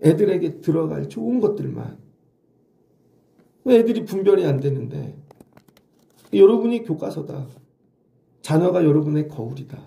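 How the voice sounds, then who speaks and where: A man's voice: on the high side, expressive, normal speed, vocal fry, pauses often, dark tone, roomy sound. A middle-aged male pastor giving an early-morning sermon in a conversational way, often asking the congregation questions. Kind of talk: dawn sermon.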